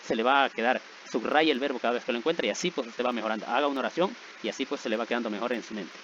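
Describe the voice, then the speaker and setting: A man teaching verb rules at a steady pace, patiently checking in with his students with short questions. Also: mid-range voice, very fast, dull audio, slight background noise. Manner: patient, repeats checks like "¿verdad?" and "¿sí?". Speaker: English teacher. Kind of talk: explaining grammar rules.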